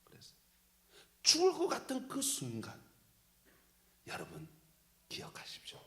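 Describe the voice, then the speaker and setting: A pastor preaching a sermon with emphatic delivery that swings from loud calls down to soft near-whispers. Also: male voice, extremely high pitch, huge pitch swings, a little slow.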